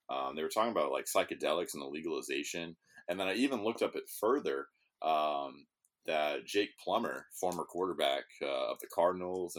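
A man hosting a podcast in casual chat, rambling and swearing as he restarts his sentences. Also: extremely low pitch. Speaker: podcast host. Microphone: studio microphone.

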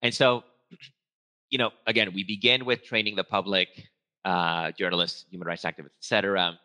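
Low, bright-voiced man. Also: fairly even intonation, normal speed. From Venezuela. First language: Spanish. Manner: rambling, full of fillers and restarts; conversational, self-correcting. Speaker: guest speaker, research trainer. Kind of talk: casual stage talk.

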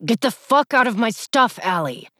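A woman's voice: on the low side, lively intonation, a little slow, no room sound, clean studio sound. Woman voicing an angry sneering young man. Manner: sneering, through clenched teeth.

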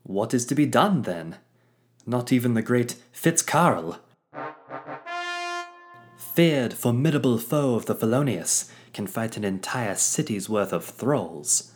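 A man's voice: expressive, slow pace, faint music behind. A man voicing a theatrical, pompous male showman who talks in grand flourishes. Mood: grandiose. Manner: grandiloquent, booming, dramatic flourishes. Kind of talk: audio drama character acting.

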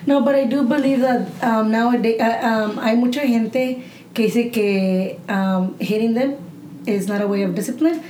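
A woman with a somewhat high voice tells frank, animated stories with plenty of swearing, in casual podcast talk. The recording is roomy and echoey, with faint noise beneath. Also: normal speed. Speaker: podcast participant. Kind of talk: casual chat.

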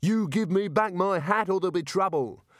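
A man's voice: mid-range voice, big pitch swings, takes it slowly, darkish tone, no echo, clean studio sound. Man playing an anxious, indignant, cowardly wizard. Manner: nervous, aggrieved protesting.

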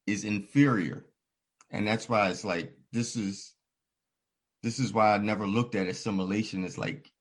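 A man with a lowish, husky voice talks through his views in casual conversation. He sounds earnest and reflective, building his points slowly and slipping into quoted voices as he tells stories. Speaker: podcast host.

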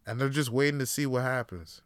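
In a fairly quick, smooth, dry voice, a Toronto-based podcast host goes on a casual, profanity-laced solo rant captured in a dry recording. His talk wanders, flipping between loud bursts and low, reflective muttering.

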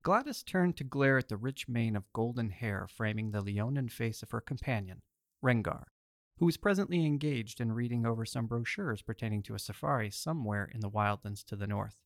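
A man's voice: mid-range voice, animated, brisk, no room sound, clean studio sound. Theatrical male horror-story host. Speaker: host and narrator. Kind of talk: scripted story narration.

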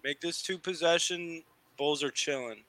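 A man's voice: a little high, normal speed, pushed and bright, no room sound. A young man co-hosting a sports podcast, reacting casually to a live game with profane, slangy frat-bro talk.

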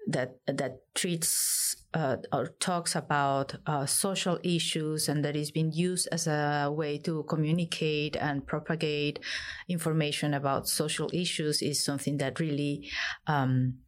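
A woman with a low voice, originally from Peru, talks about her work as a guest in an interview. She speaks in a thoughtful, hesitant way, pausing often with ums and uhs as she works out her thoughts. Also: fairly even intonation. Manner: hesitant, thoughtful, many fillers. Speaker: guest artist. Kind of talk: interview conversation.

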